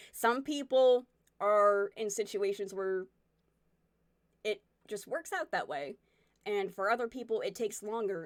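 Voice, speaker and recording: A woman's voice: mid-range voice, no echo. Candid woman in her twenties, dry close sound. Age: 20s. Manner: candid, rambling, self-reflective. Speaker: streamer chatting with viewers. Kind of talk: casual chat reading viewer comments.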